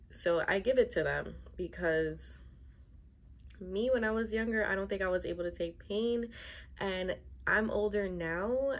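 A young adult woman chatting casually to camera in a vlog, with an emphatic, complaining way of talking, recorded indoors in a bedroom. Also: on the low side. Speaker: vlogger.

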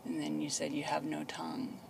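A woman speaks casually and reassuringly in a voice full of vocal fry. She explains things simply, like a caregiver, recorded inside a car with clear background noise. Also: low-pitched, monotone, a little fast. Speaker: caregiver filming a patient. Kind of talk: casual chat.

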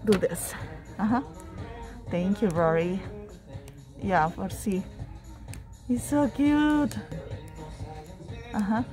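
Another clip from the same craft store aisle has the woman filming on her handheld phone while music plays in the background. This time her pitch is medium and her delivery expressive, extremely slow and full of long pauses, and she stays chatty in non-native English with plenty of delighted exclamations throughout the casual vlog.

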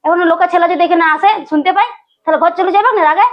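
A woman's voice: very high voice, rapid-fire. A woman with a Manbhum Bengali accent playing an outspoken elder daughter who firmly lectures her mother. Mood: scolding. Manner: firm, scolding, lecturing. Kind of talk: amateur village comedy drama. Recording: dull lo-fi sound.

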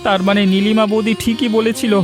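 A man voicing an excitable young village sidekick in a cartoon, with a shrill, earnest delivery. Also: quick pace, soft background music, lightly acted. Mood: angry. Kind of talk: Bengali cartoon voice acting.

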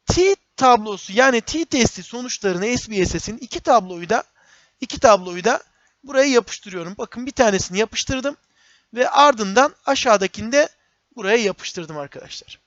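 A male instructor explains a software task one step at a time, often saying a phrase twice as he works. His voice is recorded dry, with no room sound. The audio is muffled and lo-fi, like a basic home setup. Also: extremely high pitch, dry recording. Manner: step-by-step, repeats phrases, addresses viewers as friends. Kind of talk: screen-recorded software tutorial.

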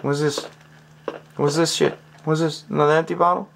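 A man's voice: a little high, level tone, normal speed, creaky, fairly bright tone, slight background noise. A man commentating his own gameplay, frustrated, swearing often and talking to himself as he works through puzzles. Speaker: gaming channel host. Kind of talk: let's play commentary.

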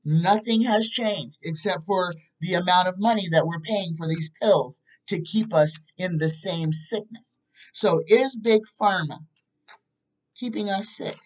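Emphatic woman in her fifties, slow-paced. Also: fairly low pitch, recorded from a distance, poor audio. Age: 50s. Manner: emphatic, repeats points with "okay?". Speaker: psychic tarot reader. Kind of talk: casual talk to camera. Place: small room at home, indoors. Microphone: webcam at desk distance.

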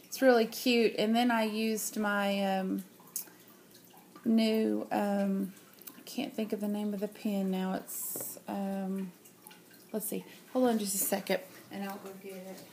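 Sitting at her table at home, a woman with a cold chats through her handmade cards in a casual show-and-tell for her craft vlog. Her nasal, medium-pitched voice is darkish and flat, she takes it slowly with frequent ums, and there's slight background noise.

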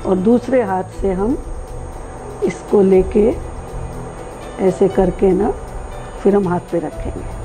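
Woman, middle-aged, cooking host, calm step-by-step instruction, warm dark tone, soft music underneath. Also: mid-range voice, rough recording. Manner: calm, explains each step slowly.

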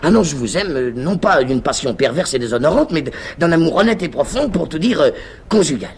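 A man's voice: on the high side, big pitch swings, brisk, slight background noise, voice pushed up. A man voicing a shy, naive young male schoolteacher in love, speaking hesitantly with stammers in a live radio reading of a play. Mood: earnest.

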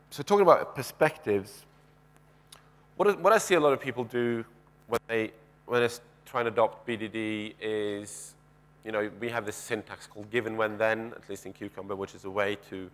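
A man's voice: on the low side, moderate pace, fairly bright tone. A man in his thirties giving a keynote talk on a large conference stage through a headset mic, conversational, asking the audience questions and often restarting sentences. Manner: paces the stage with gestures. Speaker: keynote speaker.

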